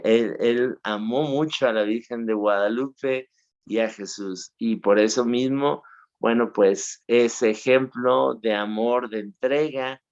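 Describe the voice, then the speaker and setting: A man, the guest of an interview, telling children a saint's story earnestly, pausing often on fillers. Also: on the low side, a little mellow, muffled recording. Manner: earnest, unhurried telling with frequent filler pauses.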